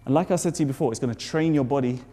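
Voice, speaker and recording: Guy coaching jump rope, low mellow voice, kinda out of breath, reverby hall with music under. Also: very fast. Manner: encouraging, step-by-step cues. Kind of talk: tutorial instruction.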